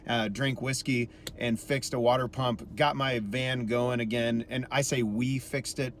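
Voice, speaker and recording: A man in his thirties telling a self-deprecating story in a casual vlog, chatty and animated when he quotes people. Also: medium pitch, measured pace, slight background noise. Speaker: musician vlogger.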